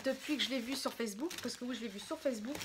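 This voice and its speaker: Brief: a bubbly woman with a high voice for a casual beauty vlog, gushing and chatty. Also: rapid-fire, background noise. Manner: excitable, gushing, chatty and apologetic. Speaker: beauty vlogger. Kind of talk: casual makeup haul chat.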